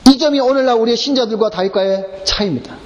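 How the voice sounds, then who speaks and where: A man's voice: very high voice, fast talker, long reverb tail, highs cut off. A man preaching a sermon as pastor, asking the congregation rhetorical questions. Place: church.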